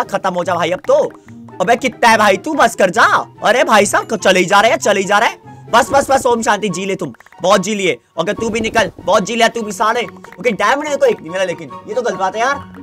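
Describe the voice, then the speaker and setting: Excitable young man narrating Minecraft play. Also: sits high. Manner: excitable, chatty, talks to the game. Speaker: gaming YouTuber. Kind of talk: Minecraft let's-play commentary.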